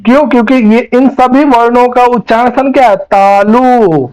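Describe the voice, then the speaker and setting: A man teaches a Sanskrit grammar class online, speaking in a notably high voice. He explains patiently and keeps putting questions to his students. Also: steady tone, moderate pace, darkish tone, low-quality recording.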